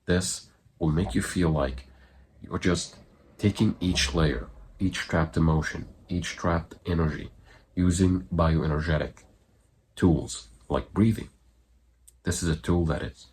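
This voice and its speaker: A man coaching viewers through an exercise in an informal, halting way, in short phrases. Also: very deep voice, darkish tone, a little hiss or hum. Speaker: breathwork coach giving online guidance. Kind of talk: instructional talk to viewers.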